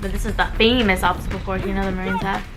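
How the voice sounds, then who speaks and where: A woman's voice: medium pitch, little pitch movement, quick pace, music in the background. A woman, a former drill sergeant, giving informal, matter-of-fact reaction commentary on a video.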